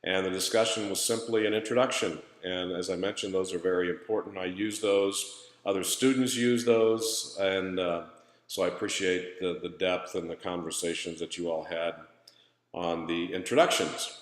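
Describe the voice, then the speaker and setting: A man giving an informal recorded lesson recap as an instructor, conversational and halting, with a hallway echo from an empty room. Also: sits low, steady tone. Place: empty room in a new place, indoors. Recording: echoey empty room, long reverb.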